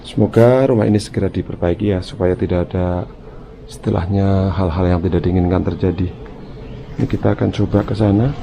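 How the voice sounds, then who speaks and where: Narrating an exploration vlog for his viewers, a man speaks casually yet hesitantly and uneasily, his low, gravelly voice fairly quick with fairly even intonation. The vlogger films by hand outdoors around an overgrown empty house, and the recording is noisy with an ambient hum.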